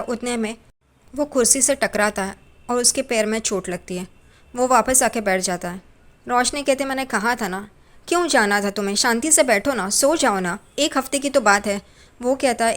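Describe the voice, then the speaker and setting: A woman narrating a recap of a TV serial, retelling each scene and speaking the characters' lines in her own voice. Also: mid-range voice. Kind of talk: storytelling recap with quoted dialogue.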